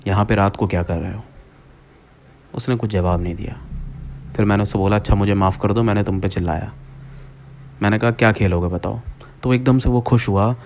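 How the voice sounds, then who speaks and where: A man's voice: lowish voice, a little mellow, slight background noise. A man narrating a first-person horror story to his listeners, speaking to them as friends and acting out his own lines.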